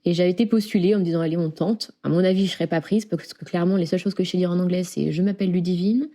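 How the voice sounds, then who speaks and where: A woman's voice: lowish voice, steady tone, very fast, dark tone. A young woman from near Lyon, chatting as an interview guest, with many fillers and frequent laughs. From France. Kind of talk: casual interview chat.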